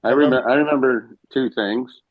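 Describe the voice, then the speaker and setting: A man, a former high school baseball coach, telling stories casually on a podcast and acting out what others said. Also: normal speed, phone-quality sound, crowd noise. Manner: animated, quotes others in his stories.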